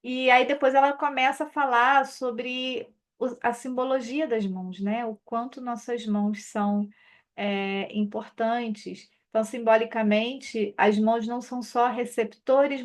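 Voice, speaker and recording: Uma mulher com sotaque brasileiro, terapeuta, comentando um livro num tom de conversa, com muitas hesitações e recomeços. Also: female voice, a little high, steady tone, a little slow. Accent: Brazilian Portuguese. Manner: hesitant, many fillers and restarts. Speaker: therapist reading and commenting on a book. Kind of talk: informal spoken commentary on a book chapter.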